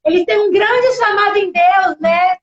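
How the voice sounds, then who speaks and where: A middle-aged woman pastor speaks with a Brazilian Portuguese accent in a very high voice. She talks casually, leaning on tag questions and acting out quoted exchanges. The sound is muffled and lo-fi, like a streamed service. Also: measured pace. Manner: chatty, tag questions, animated quoting. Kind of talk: casual church talk.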